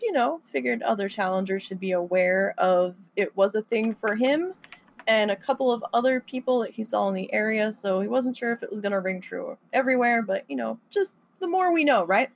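A woman's voice: on the high side, moderate pace, vocal fry, slight background noise. A woman co-hosting a show in casual chat, with a tentative, self-qualifying way of talking. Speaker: co-host.

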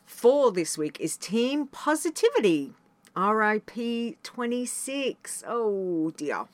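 A woman's voice: a little high, big pitch swings, slow pace, no echo. A woman hosting a show in casual chat, often repeating her phrases for emphasis. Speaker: show host.

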